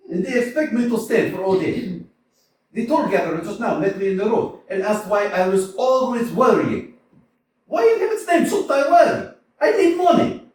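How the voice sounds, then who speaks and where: In a community staged reading on a small theater stage, a male actor plays a furious, blustering middle-aged landowner chasing a debt, lurching between mutters and bellowing shouts in an exasperated, exclamatory rant. His high voice swings wildly. He sounds far from the mic in a very echoey theater with a faint hiss.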